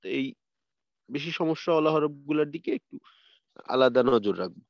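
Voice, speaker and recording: A man's voice: on the high side, lively intonation, a little fast, no echo, highs cut off. A man teaching a tajweed lesson over a video call, patiently repeating letter sounds for his students to copy. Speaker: Quran recitation teacher.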